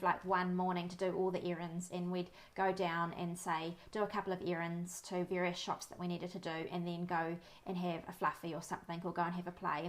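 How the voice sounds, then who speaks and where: Calm New woman giving parenting advice. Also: lowish voice. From New Zealand. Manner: friendly, anecdotal, calm and reassuring. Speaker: parenting educator. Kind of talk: talking-to-camera advice.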